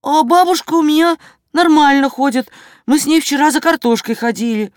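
A woman's voice: normal speed, dry recording, clean studio sound, lightly acted. A woman doing an eager, breathless little boy. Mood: excited. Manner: breathless, high and excited.

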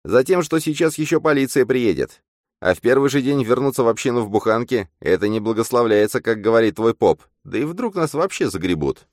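A man voicing a brash, excitable young male phantom double who talks in bossy slang. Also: mid-range voice, a little fast, dry recording, studio quality, voice pushed up, lightly acted. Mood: urgent.

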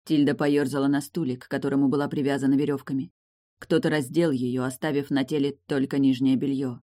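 A woman reading a novel aloud in an even, measured way. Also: rumbling low, no room sound, studio quality. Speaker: audiobook reader. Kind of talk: audiobook narration.

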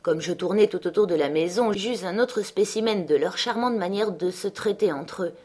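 A woman narrates a novel aloud at a measured, steady pace. Her voice sits at a middle pitch, with plain, even storytelling. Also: slightly rough. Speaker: audiobook narrator.

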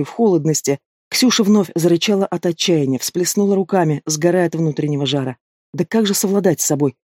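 A man's voice: on the high side, a little mellow, no echo, studio quality. Man narrating a fantasy audiobook. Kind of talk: scripted narration of a fantasy novel.

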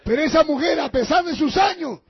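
A man's voice: very high voice, lively intonation, a little fast, highs cut off, some chatter behind. A male pastor preaching a sermon, emphatic and repetitive, often calling to his listeners as brothers.

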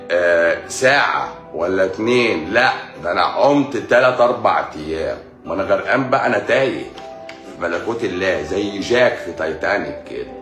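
A man's voice: mid-range voice, a bit bright. A man with an Egyptian Arabic accent, a doctor giving a casual live-stream medical lecture, often repeating key words back as questions. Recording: echoey room, faint music.

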